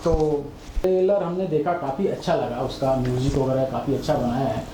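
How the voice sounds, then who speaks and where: A man's voice: mid-range voice, steady tone, moderate pace, warm tone, slight background noise. A man hosting a casual film review chat who speaks hesitantly with many fillers, often murmuring agreement. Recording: echoey room.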